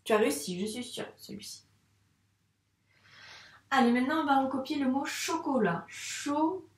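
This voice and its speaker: Patient teacher lady walking kids thru handwriting, slightly high voice, roomy echo. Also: recorded from a distance. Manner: slow, patient, syllable-by-syllable dictation. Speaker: primary school teacher. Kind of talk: handwriting lesson for children.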